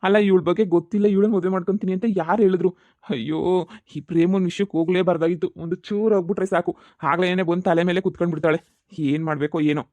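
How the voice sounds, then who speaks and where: Voice actor playing a fast-talking exasperated man. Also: medium pitch, steady tone, darkish tone, dry recording, close to an everyday voice. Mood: worried. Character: exasperated man refusing a marriage. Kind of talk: cartoon comedy voice acting.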